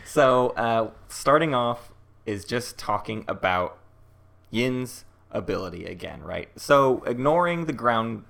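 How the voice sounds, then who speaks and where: A man's voice: medium pitch, animated, vocal fry, fairly bright tone. A man co-hosting a casual board game podcast, talking things through in a chatty, analytical way. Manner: chatty, analytical, quick to laugh. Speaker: podcast co-host.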